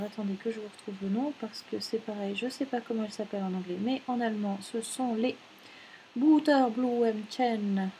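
A woman in her thirties talks casually at home, rambling and correcting herself as she goes. Her voice sits a little high but sounds mellow and soft-edged. Faint noise hums behind her on a camera mic. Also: poor audio. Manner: rambling, chatty, many fillers and self-corrections. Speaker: knitting vlogger. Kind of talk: casual chat.

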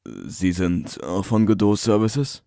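A man voicing a rattled, defensive office worker in a horror audiobook, halting and stammering. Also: lowish voice, fairly even intonation, warm tone, clear, resonant tone, dry recording, clean studio sound. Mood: hesitant. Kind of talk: audiobook drama acting.

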